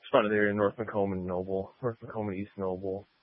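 A man dispatches calls over a police radio in a clipped, businesslike way. His voice sits low and barely moves in pitch. The transmission is thin, tinny and dry. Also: brisk, no room sound. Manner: flat, clipped and matter-of-fact.

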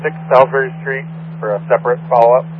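A man working as a radio dispatcher, speaking in brisk, terse call codes over a police radio transmission. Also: mid-range voice, little pitch movement. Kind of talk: clipped radio dispatch talk. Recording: tinny noisy radio scanner audio.

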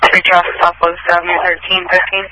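A man's voice: sits high, completely flat delivery, quick pace, sharp tone, poor audio. A man working as a police dispatcher over police radio, answering in terse, clipped radio codes. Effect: police radio transmission.

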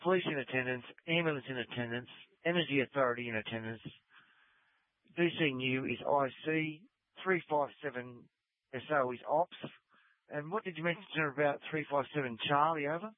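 A man's voice: a little high, brisk, no echo. A man working as a fire service communications operator, speaking over a walkie-talkie radio in formal radio procedure, clipped and methodical as he reads messages back. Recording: tinny two-way radio, dry.

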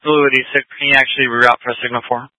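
A man's voice: mid-range voice, little pitch movement, racing, pushed and bright, dry recording. A man working as a police dispatcher, heard over police radio and speaking in clipped radio codes. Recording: tinny dry radio transmission.

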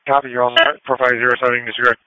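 Brisk, bright male dispatcher on police radio. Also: medium pitch, flat delivery, dry recording. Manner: clipped, procedural. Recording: muffled police radio channel.

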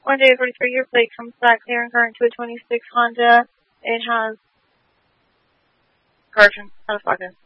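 A man's voice: very high voice, flat delivery, moderate pace, long pauses, dry recording. A man working as a police dispatcher, reading plates and radio codes in clipped bursts over a police radio channel. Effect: police radio transmission. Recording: muffled two-way radio audio.

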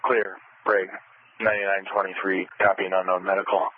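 A man dispatches calls over a police radio in a low, level voice. His delivery is terse and clipped, built from codes and unit numbers. The transmission sounds thin and phone-like. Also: monotone, brisk, husky, no echo. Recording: narrow phone-like radio band.

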